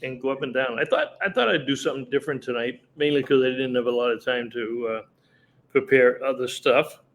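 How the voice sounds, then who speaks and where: A man's voice: medium pitch, a little fast, a little hiss or hum. A man co-hosting a casual talk show, chatty and fond of wisecracks. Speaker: co-host. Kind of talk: casual chat. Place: on the road while traveling.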